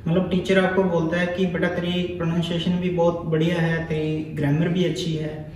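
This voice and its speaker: High-voiced man coaching in an echoey room. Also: little pitch movement, moderate pace, a little mellow, recorded from a distance, slight background noise. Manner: direct, addresses students familiarly; repeats key words for emphasis. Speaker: IELTS speaking teacher. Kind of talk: coaching lesson to students. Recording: echoey room, voice from away from the mic.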